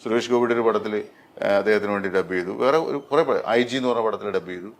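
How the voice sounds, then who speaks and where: A middle-aged man, a dubbing artist, talking in an interview with many pauses and fillers. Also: lowish voice. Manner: hesitant, many fillers and restarts. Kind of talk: interview conversation.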